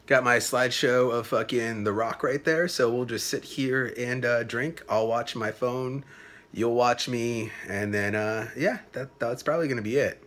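Indoors in a small apartment, a man in his late twenties talks to a phone camera held at arm's length. His mid-range voice has a fairly bright tone as he rambles loosely, swears, and trails off into fillers.

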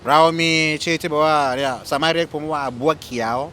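Higher-voiced Cameroonian man speaking foreigner's broken Thai. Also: fairly even intonation, fast, sharp tone, a little hiss or hum. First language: not Thai, speaks it as a foreigner. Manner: foreigner's fluent but broken Thai, wordy and repetitive. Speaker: interview guest. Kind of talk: casual chat.

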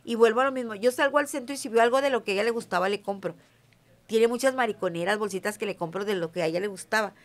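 Racing along at medium pitch, a middle-aged woman with a Mexican Spanish accent chats emphatically as a casual interview guest. She describes herself as a witch and repeatedly asks "¿sí me entiendes?"

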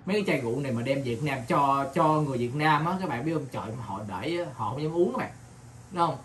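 A man's voice: medium pitch, expressive, fast talker, a bit bright, slight background noise. A man with a Southern Vietnamese accent talks casually in a home kitchen vlog. He repeats himself and keeps asking the viewers "right?". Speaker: vlogger.

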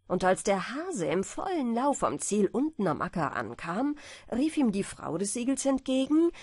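A woman narrating fairy tales as a bedtime audiobook, in a slow, expressive storytelling way. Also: mid-range voice, breathy edge, dry recording. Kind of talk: fairy-tale reading for sleep.

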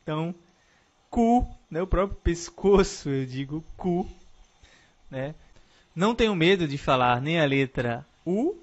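A man with a fairly high voice gives a video lesson on French pronunciation. He explains patiently and keeps checking in with his viewers. The recording sounds a little dull and lo-fi. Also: animated, unhurried. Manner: explains patiently, often adds "né?" as a tag. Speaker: French teacher.

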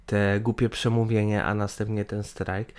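A young Polish man in his twenties who hosts a gaming channel shares his opinion to camera from a small room. His voice is fairly low, level, moderately paced, darkish and clean. He sounds hesitant, with many fillers and restarts, and is recorded on a webcam shown in the corner of a screen capture.

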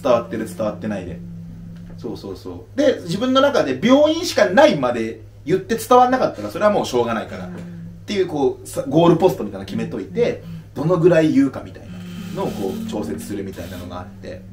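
At a live venue, a Japanese comic in his thirties, originally from Aomori, fields audience questions in a casual post-show Q&A, adopting a playful, mock-serious lecturing manner. He talks quickly in a medium, slightly mellow voice whose pitch swoops wildly, recorded from a distance in a roomy space with slight background noise.

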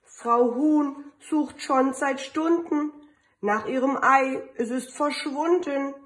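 A woman kindergarten teacher reading a picture book aloud to children, telling the story slowly with sing-song refrains. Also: sits high.

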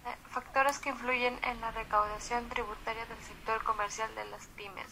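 A woman's voice: on the high side, flat delivery, normal speed. A woman student giving hesitant, unsure answers in an online class over a video call. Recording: noisy, distant video call.

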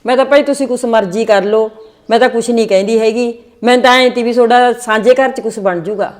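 A woman's voice: on the high side, fast talker, lightly acted. A woman acting a mother who laments her family splitting apart and her sons' wives never being content. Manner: aggrieved, lamenting. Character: distressed mother of two quarrelling sons. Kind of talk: family comedy skit acting.

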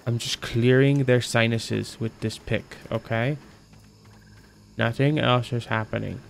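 A man's voice: medium pitch, fairly even intonation, unhurried, vocal fry, a little hiss or hum. A man streaming a video game, thinking aloud in a rambling, jokey way. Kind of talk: casual gameplay commentary.

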